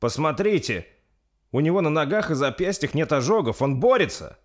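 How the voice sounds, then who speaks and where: A man's voice: mid-range voice, animated, moderate pace, a little mellow, pitched above the performer's own voice, close to an everyday voice. A man voicing a nervous red-haired male warrior who talks anxiously in an audiobook story. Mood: astonished. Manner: anxious, uneasy.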